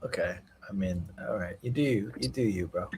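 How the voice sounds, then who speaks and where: A man's voice: deep voice, a little fast, a little mellow, slight background noise. A man hosting a casual live stream, chatting, thanking donors and reacting to fights. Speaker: stream host.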